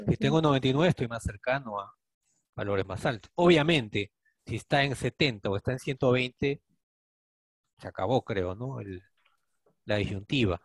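A man with a Peruvian accent leads a clinical teaching session. He reasons aloud in a steady middle voice and keeps putting questions to his listeners. The sound is dry, with no room echo. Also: medium pitch, moderate pace, pauses often. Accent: Peruvian Spanish. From Peru. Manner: questioning, Socratic, tags lines with "¿no?". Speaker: physician teaching students.

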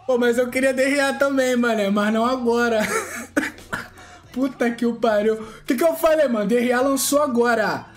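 Over soft background music, a gaming streamer with a very high voice talks at a moderate pace while commentating his gacha pulls. He's boastful and taunting, drawing out chanted catchphrases and shouting and laughing loudly whenever a pull comes up lucky.

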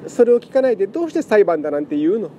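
A man voicing a sentimental female cat who pleads and scolds in soft, feminine speech. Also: high-pitched, sing-song, rapid-fire, a little hiss or hum, pitched above the performer's own voice. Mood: pleading.

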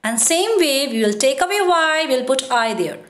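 High, lively woman teaching grammar. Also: moderate pace. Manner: explains step by step, repeating points and asking checking questions. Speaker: school teacher. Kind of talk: grammar lesson. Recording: echoey room.

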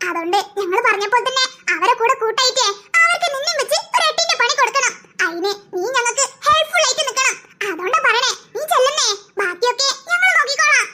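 A woman's voice: very high voice, big pitch swings, fast, noisy background. A woman voicing a bossy, scheming schoolgirl ringleader who talks smugly with giggles in a cartoon. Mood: coaxing. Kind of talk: cartoon voice acting.

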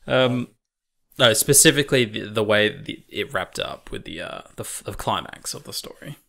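A man's voice: fairly low pitch, expressive, moderate pace, vocal fry, a bit bright. A man co-hosting a podcast, chatting casually and enthusiastically, with loose and casual swearing. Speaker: podcast co-host.

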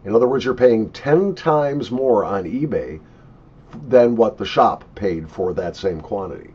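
An older man talks through a casual review with lots of swing in his pitch. His voice is husky and emphatic, and he sounds opinionated. The recording is a dull webcam capture from a home office desk. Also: lively intonation, a little slow, darkish tone. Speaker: pipe tobacco reviewer. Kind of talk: casual unscripted product review. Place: small cluttered home office, indoors.

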